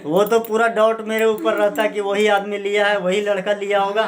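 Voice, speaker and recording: A man with a high-pitched voice scolds and interrogates in a heated, threatening way. He keeps snapping short demanding questions. It sounds like it was recorded indoors in a small rented room. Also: monotone, moderate pace, crowd noise. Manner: angry, scolding, keeps barking a demanding "huh?". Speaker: man confronting suspected thieves.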